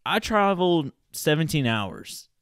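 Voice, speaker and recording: A man spins a work story in loose, swearing podcast chat and breaks into laughter often. His pitch swings widely through his lines. The sound is close and dry. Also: big pitch swings, a little slow, fairly bright tone, no echo. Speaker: podcast guest.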